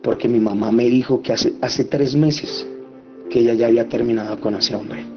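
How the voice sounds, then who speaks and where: A man's voice: steady tone, normal speed. A man telling an emotional personal testimony, speaking with passion. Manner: impassioned, voice climbing high when reliving the quarrels. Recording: slightly muffled with soft music behind.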